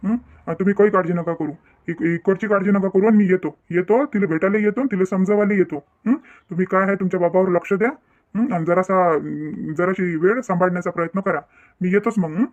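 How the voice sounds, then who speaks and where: A man's voice: high voice, fairly even intonation, brisk, lo-fi sound, lightly acted. A man voicing an older male farmer and father-in-law, folksy and rambling in a cartoon family drama. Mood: reassuring.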